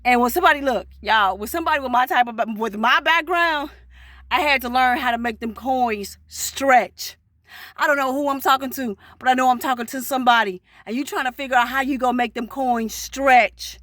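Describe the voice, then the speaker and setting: A woman, vlogging casually and rushing through encouraging, preachy talk to her viewers. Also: high voice, fairly bright tone, dry recording, clean studio sound. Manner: rushed, fast-talking, preachy encouragement.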